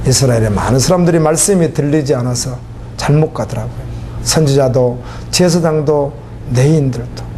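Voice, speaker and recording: A man's voice: medium pitch, moderate pace, dark tone, slight background noise. A man preaching a sermon as a pastor, emotional and pleading, his voice rising into fervent cries.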